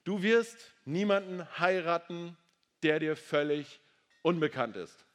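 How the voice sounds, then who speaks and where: A man preaching a sermon, swinging between loud, emphatic declarations and soft, low asides. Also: takes it slowly.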